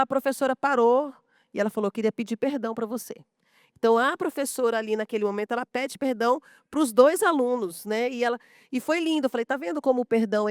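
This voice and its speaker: A woman's voice: a little high, darkish tone, no room sound, studio quality. A woman from a school staff, sharing heartfelt stories at a round table, full of fillers and moved to tears at moments.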